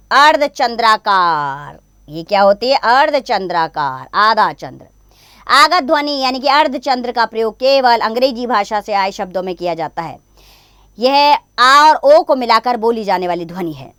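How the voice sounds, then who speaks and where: A woman teaching children a grammar lesson, explaining patiently and slowly, one example at a time. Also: a little high, a bit bright, clean tone, no room sound, studio quality.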